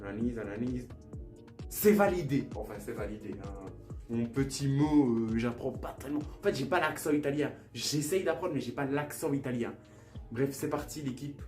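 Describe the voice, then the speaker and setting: A young man's medium-pitched, darkish voice carries at a normal speed through an echoey room where faint music plays. He's casually vlogging, trying language-app phrases and saying them repeatedly, and his playful jokes land on himself.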